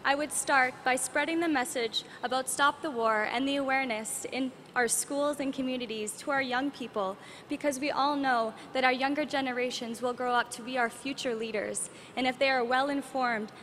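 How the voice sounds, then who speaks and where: A woman's voice: high-pitched, steady tone, normal speed, a bit bright, a little hiss or hum. A woman in her twenties from Canada giving a rehearsed speech as a pageant contestant on stage. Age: 20s. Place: large auditorium stage.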